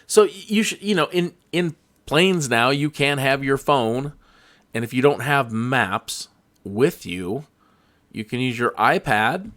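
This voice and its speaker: A man's voice: medium pitch, fairly bright tone. A man hosting a flight simulator tutorial, talking in a casual, rambling, jokey and folksy way.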